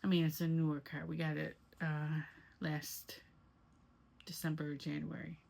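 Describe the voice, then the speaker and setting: A woman with a low-pitched voice that often drops into vocal fry. She talks in a casual, rambling vlog style, recounting things conversationally in the first person. Her intonation stays fairly flat throughout. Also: moderate pace. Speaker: amateur paranormal investigator vlogger.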